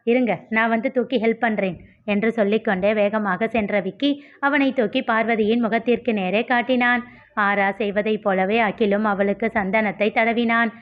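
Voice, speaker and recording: A woman's voice: steady tone, moderate pace. Woman reading a novel aloud, lo-fi. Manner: voices the characters' dialogue with raised pitch. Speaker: storyteller.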